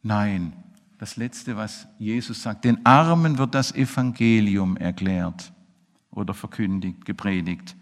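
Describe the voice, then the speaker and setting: A man preaching a sermon in a church, emphatic, swinging between loud outbursts and low murmurs. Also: a little slow. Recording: echoey hall reverb.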